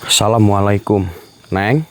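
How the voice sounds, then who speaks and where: A man, vlogging outdoors at night in the woods, speaking slowly to viewers, often dropping to a whisper and repeating himself. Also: lowish voice, fairly even intonation, background noise. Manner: slow, often drops to a whisper, repeats phrases. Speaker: ghost-hunting vlogger. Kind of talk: hushed night vlog to viewers.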